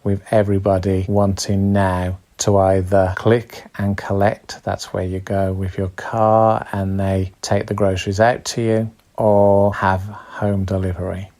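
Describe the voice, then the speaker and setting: A man from England with a slightly low voice tells his own story in a plain, steady way. He speaks as a blind entertainer in a recorded personal account. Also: a little slow, few pauses. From Birmingham, England.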